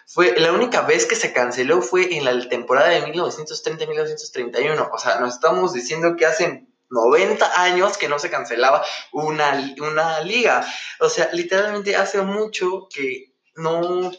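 A man's voice: on the high side, a bit bright. Campy young Mexican man, echoey room. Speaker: podcast host. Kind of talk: casual chatty podcast monologue. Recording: dull, echoey room recording.

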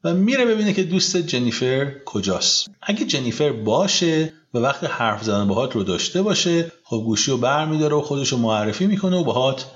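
A man teaching English in a relaxed bilingual lesson, saying example phrases slowly and carefully for his student to repeat. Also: medium pitch, lo-fi sound.

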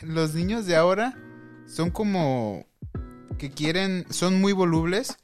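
Teasing young man, raised pitch. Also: lively intonation, slow pace, faint music behind. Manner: teasing, opinionated. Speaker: podcast co-host. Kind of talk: casual chat.

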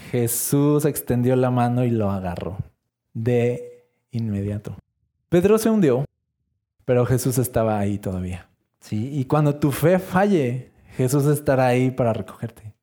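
A man preaching a sermon in a conversational, animated way, acting out scenes as he goes. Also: mid-range voice.

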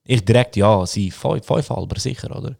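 A young man from Switzerland, co-hosting a casual podcast chat, telling stories in slangy, animated speech. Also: on the low side, normal speed, vocal fry. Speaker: podcast co-host.

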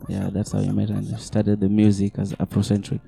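A young Kenyan-accented man chats casually as a music guest. His voice is deep and very mellow with a gravelly creak, and his intonation stays fairly flat. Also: a little fast. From Kisumu, Kenya. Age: young adult. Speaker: singer, interview guest. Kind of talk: casual chat with slang.

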